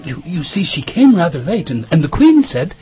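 A woman voicing a timid, anxious storybook rabbit, stammering in a hushed, breathy, nervous way. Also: fairly low pitch, very animated, moderate pace. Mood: frightened, hushed. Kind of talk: storybook character voice.

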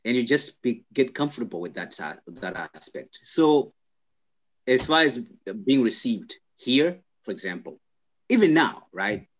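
A young man from Zimbabwe, a guest in an interview, speaking thoughtfully and haltingly with many restarts and fillers. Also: mid-range voice, very animated, dull audio. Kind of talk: conversational interview.

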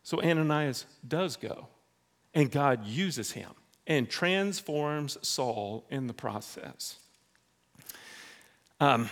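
A man preaching a sermon in a church in a conversational, animated way, acting out dialogue. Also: medium pitch. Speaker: pastor.

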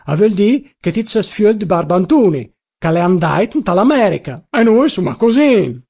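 A man reading an audiobook, voicing a stubborn, drunk middle-aged man with a Turinese accent who shouts slowly. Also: high-pitched, lively intonation, gravelly, breathy edge, pitched above the performer's own voice, heavily acted. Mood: insistent. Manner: shouting, slow and slurred.

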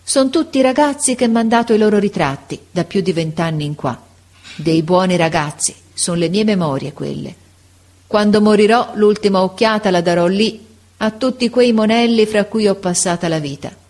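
A woman's voice: mid-range voice, moderate pace, a little mellow, pitched above the performer's own voice, natural voice. A woman voicing a sick old male schoolteacher who speaks tenderly and with sighs. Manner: tender, sighing, encouraging.

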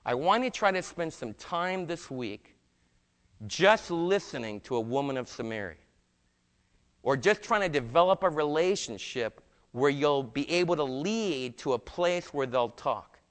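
A middle-aged man preaching a sermon, acting out quoted dialogue in his own voice and swinging between loud emphasis and hushed, quiet lines. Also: a little high, animated, measured pace, clean tone, big-room sound. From New York. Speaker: pastor.

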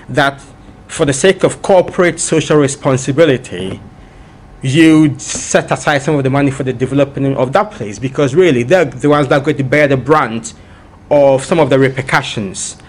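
A man giving an explanatory answer to an audience question, repeating phrases emphatically to make his points. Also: mid-range voice. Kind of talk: explanatory answer at a public talk.

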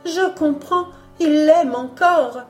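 A woman voicing an anxious young daughter, speaking high and pleading. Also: slow pace, warm tone, faint music behind. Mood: anguished.

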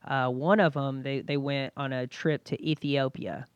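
A man who is a children's pastor, a guest on a podcast, telling stories in an animated, excitable way. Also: mid-range voice, normal speed, clear, resonant tone, no room sound, highs cut off. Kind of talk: casual podcast conversation.

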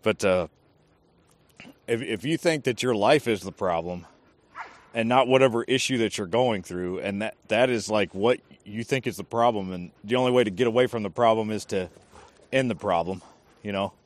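Hesitant low-voiced army veteran man. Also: normal speed. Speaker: army veteran, former drill sergeant. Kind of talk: casual conversation.

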